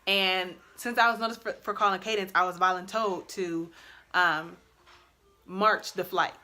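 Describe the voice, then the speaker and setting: A woman's voice: lowish voice, a little slow. A young adult woman who served in the army, chatting expressively and laughing often as she gives casual advice on her vlog. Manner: chatty and expressive, laughs often, loud and bold when excited. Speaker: vlogger and army soldier.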